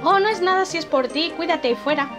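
A woman's voice: very high-pitched, brisk, voice pushed up. A woman reading a kind, caring young male character from a game in an earnest, plain voice, over game music.

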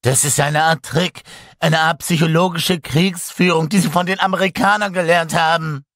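Brief: a man doing a gruff, defensive Russian soldier pilot in a horror audiobook, loud and combative, husky edge. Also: medium pitch, animated, moderate pace, no room sound, clean studio sound. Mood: angry, defensive.

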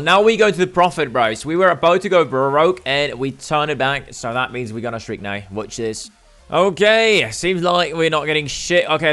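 A young man narrating his game session with quick swings between hype and groans, full of slang and swearing. His voice sits a touch high for a man. Faint game music plays under him. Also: fairly bright tone. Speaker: gaming YouTuber. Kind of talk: gameplay commentary.

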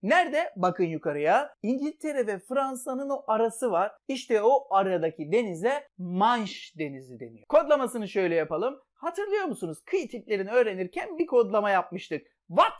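A woman's voice: a little high, moderate pace, few pauses. A woman teaching an exam-prep geography lesson, playful and talking straight to her students as she walks through memory tricks. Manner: lively, playful, addresses students directly.

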